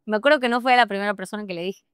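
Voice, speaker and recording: A young Bolivian woman with a Santa Cruz accent, a podcast guest telling a personal story in an animated way and laughing often. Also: medium pitch, racing, clear, resonant tone, no echo, clean studio sound. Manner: animated, laughs often, acts out her own past thoughts. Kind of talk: personal storytelling in a casual interview.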